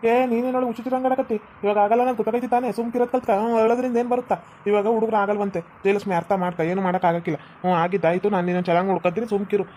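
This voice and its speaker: A man with a North Karnataka Kannada accent, voicing a husband in a home cartoon, pleading in a rapid, even way. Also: high voice, a little hiss or hum. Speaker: voices the husband character. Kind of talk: cartoon voice acting.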